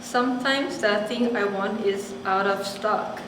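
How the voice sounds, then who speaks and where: A woman's voice: mid-range voice, a little slow, noisy background. A woman from Japan, an international student, answering interview questions hesitantly with many fillers. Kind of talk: documentary interview. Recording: echoey room from a distance.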